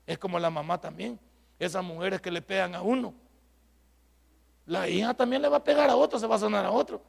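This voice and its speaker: A man preaches a sermon, telling stories and acting out every voice in them. His voice is high, gravelly and husky. The sound rings in a large, echoing church hall. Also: a little fast. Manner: storytelling preacher, acts out dialogue, rises to shouts. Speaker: pastor.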